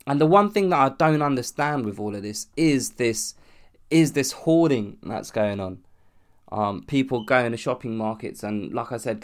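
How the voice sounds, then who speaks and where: With a mid-range voice, a young London podcast host battling a cold and sore throat chats on his own show in a casual, meandering style, often restarting and swearing.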